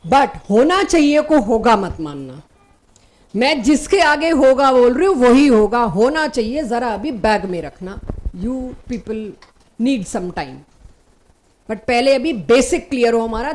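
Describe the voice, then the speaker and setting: A woman teaching chemistry in a recorded class, explaining step by step and giving firm, brisk instructions to her students. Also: on the high side, a little mellow. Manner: explains step by step, mixing Hindi and English terms. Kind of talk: recorded online lecture.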